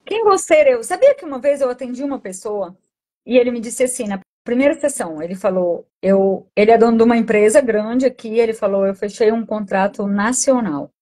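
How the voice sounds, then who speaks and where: A woman's voice: a little high, lively intonation, fairly quick, warm tone. A woman in her forties, a coach and therapist, telling a personal story in a podcast interview with enthusiastic, affectionate energy.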